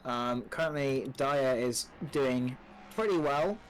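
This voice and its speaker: A man's voice: mid-range voice, slow pace, a little hiss or hum, rough recording. A man commentating a live sim racing stream, chatty and promotional with many fillers. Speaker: race commentator.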